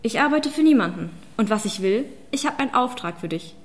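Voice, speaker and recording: A woman's voice: on the high side, expressive, fairly quick, lightly acted. A woman reading an audiobook, voicing a fierce, power-hungry female witch who hisses and commands. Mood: coaxing. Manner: hissing, commanding, then shouting.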